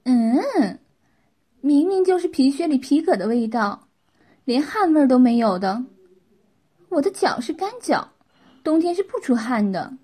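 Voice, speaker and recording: A woman's voice: sits high, sing-song, unhurried, long pauses, warm tone, breathy edge, full character voice. A woman putting on a bossy, teasing young wife. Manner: teasing, commanding.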